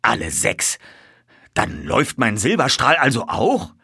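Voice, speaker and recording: A man voicing an agitated older colonel who owns racehorses, speaking loudly and excitably in a raised voice. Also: mid-range voice, a little fast, husky, no room sound, clean studio sound, voice pushed up, full character voice. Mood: indignant. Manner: loud, excitable, indignant. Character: agitated older male horse-owning colonel.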